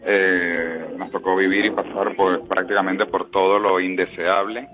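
A Venezuelan-born politician speaks as a radio guest in a measured, earnest way. His voice is very low. He comes through a tinny phone line with faint music behind. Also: level tone. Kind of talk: radio interview.

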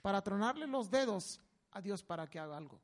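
Animated preacher. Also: male voice, high voice, brisk. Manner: animated, with sudden loud emphatic bursts. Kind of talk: sermon.

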